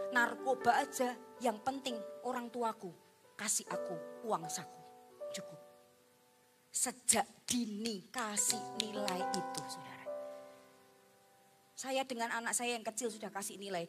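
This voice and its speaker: A woman pastor preaching a lively sermon in church, sometimes acting out parents' words and dropping to a soft near-whisper. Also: a little high. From Indonesia. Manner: animated preaching, acts out parent and child voices. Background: background music.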